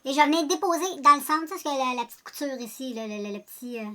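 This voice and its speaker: Her voice is high-pitched and a bit bright, with lively intonation, and she talks fast. This Quebec French-accented beauty vlogger casually rambles through a makeup tutorial, speaking right to viewers and laughing at herself.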